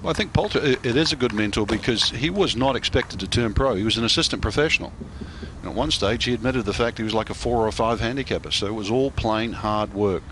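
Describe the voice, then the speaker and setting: A man's voice: fairly low pitch, fast talker, a bit bright, rough recording. A man working as a golf commentator and analyst, giving live commentary on play. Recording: clear outdoor noise behind the voice.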